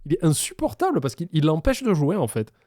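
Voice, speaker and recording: Sarcastic streamer, slightly high voice. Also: male voice, wildly swooping pitch, brisk, mellow, dry recording, studio quality. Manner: sarcastic, mocking, swears freely, laughs often; acts out scenes in other voices. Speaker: streamer reacting to a show. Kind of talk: casual reaction commentary.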